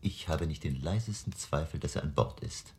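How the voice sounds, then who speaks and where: An actor playing an elderly, kindly and grave professor in a radio drama, speaking in a gravelly, deliberate, solemn, paternal way. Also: male voice, very deep voice, lively intonation, darkish tone, slight background noise. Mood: grave, determined. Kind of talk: German radio drama acting.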